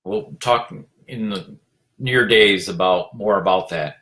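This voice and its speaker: A man with a somewhat low voice delivers a motivational talk as a leadership coach. He speaks earnestly and urges the listener on. He circles back over his own phrases and pads his pauses with "you know". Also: sharp tone. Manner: earnest, urging, repeats phrases, many "you know" fillers.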